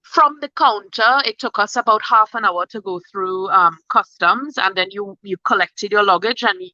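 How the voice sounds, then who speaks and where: Woman, 40s, bright forceful voice, eager chatty delivery, dry dull lo-fi call audio. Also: medium pitch, dry recording. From Trinidad. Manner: enthusiastic, chatty, bursts of quick speech. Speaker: guest traveller. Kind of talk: casual interview chat.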